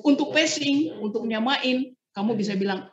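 A woman's voice: on the high side, moderate pace, crowd noise. A woman trainer giving a casual online training talk, acting out short example dialogues as she explains. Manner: lively, acts out example dialogues. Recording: roomy, dull lo-fi sound.

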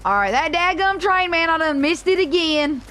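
A woman's voice: very high-pitched, lively intonation, moderate pace, pushed and bright. A woman streamer chatting casually over a game, playful, teasing and dramatic. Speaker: gaming streamer. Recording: noisy game audio behind voice.

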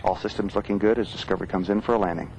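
A man's voice: fairly low pitch, fairly even intonation, racing, creaky, darkish tone, a little hiss or hum, poor audio. A man giving factual live commentary as a mission control announcer.

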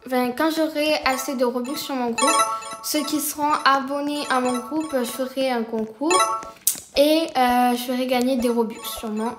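A woman chatting through her gameplay, rambling easily and breaking into sudden excited exclamations. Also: high-pitched. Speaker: gaming video creator. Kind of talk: gameplay commentary.

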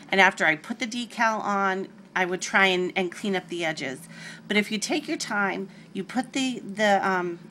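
A woman's voice: mid-range voice, a bit bright, slight background noise. Chatty woman hosting a nail tutorial. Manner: chatty, rambling asides. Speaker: nail art tutorial host. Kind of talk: casual step-by-step tutorial.

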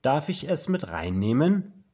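A man's voice: mid-range voice, very animated, measured pace, pitched above the performer's own voice. A man voicing a timid small boy in a children's storybook, speaking in a raised boyish voice. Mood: earnest. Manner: raised boyish voice, shy then shouting. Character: timid small boy who grows brave.

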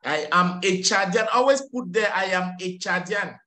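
A middle-aged man teaches English over a video call. His voice sits high and bright, and he takes his time, repeating corrections and slipping into to explain. The call audio sounds roomy. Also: animated, normal speed. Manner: patient, corrects and repeats phrases, switches to French to explain. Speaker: English tutor. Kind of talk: online English lesson. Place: small office with tiled walls. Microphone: webcam on a video call.

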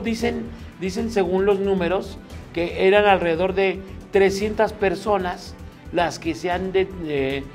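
A man co-hosting a comedy news show, recounting a story in a rambling way with many pauses and restarts. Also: high voice, a little mellow. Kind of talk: casual news commentary.

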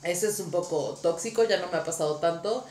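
A woman hosting a podcast, telling a story in a lively, casual way with frequent laughter. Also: fairly low pitch, brisk, echoey room, a little hiss or hum. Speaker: podcast host.

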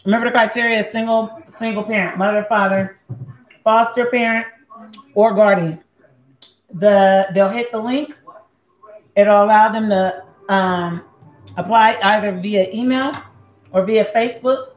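Cooking at home, this Puerto Rican host chats casually and chews between sentences, leaving long pauses. She speaks a little slowly in a steady, medium-pitched voice, and the lo-fi recording has echoey kitchen sound with faint ambient noise.

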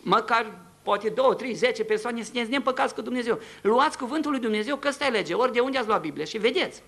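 Gravelly high-voiced male preacher. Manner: animated storytelling, swings between hushed and shouting. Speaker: preacher giving testimony. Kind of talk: sermon testimony. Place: church.

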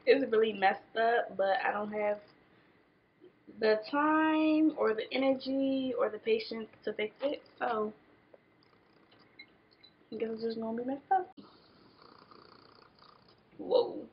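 Casting: American woman, 20s, higher voice, drunk and rambling storytime vlogger, animated, slightly dull camera audio. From Washington, D.C., United States. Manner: tipsy, drunk rambling, losing the thread; animated exclamations and drawn-out words. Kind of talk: casual storytime chat while doing makeup. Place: small bedroom, indoors. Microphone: camera a short distance away.

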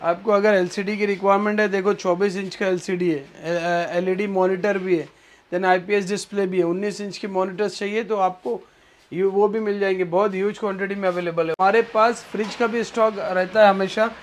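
A man in his thirties from India walks through a cluttered electronics warehouse wearing a lapel mic, eagerly rattling off prices and calling the viewer "bhai," or brother. His voice is level and fairly quick, with slight background noise, as he gives an energetic sales walkthrough of his stock.

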